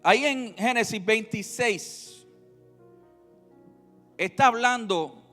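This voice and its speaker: A male pastor preaching a sermon, swinging between loud emphasis and quiet, drawn-out teaching. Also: very high-pitched. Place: church sanctuary. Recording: reverberant hall with faint music.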